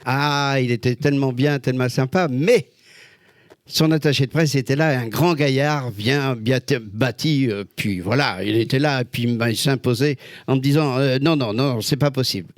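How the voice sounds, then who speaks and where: Expressive older man telling stories. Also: mid-range voice, normal speed, dry recording, studio quality. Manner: expressive storyteller, many voices and exclamations. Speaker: guest, celebrity lookalike. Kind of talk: animated anecdotal chat.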